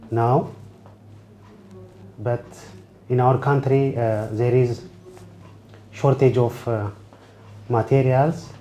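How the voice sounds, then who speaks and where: A man from Ethiopia giving a patient testimonial to camera, speaking in short, simple phrases with frequent pauses. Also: medium pitch, warm tone, a little hiss or hum.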